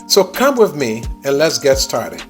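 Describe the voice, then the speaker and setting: A man's voice: medium pitch, big pitch swings, measured pace, a bit bright, faint music behind. A man hosting his YouTube channel, speaking in a friendly, encouraging way to viewers and to his guest. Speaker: YouTube channel host and interviewer. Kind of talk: scripted intro, then casual interview.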